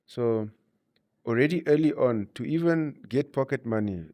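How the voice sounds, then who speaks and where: Speaking at a normal speed with a warm tone and medium pitch, a Namibian man sits as an interview guest, animatedly sharing advice and stories. He peppers his explanations with "you know" and "you see," and the recording carries no room sound.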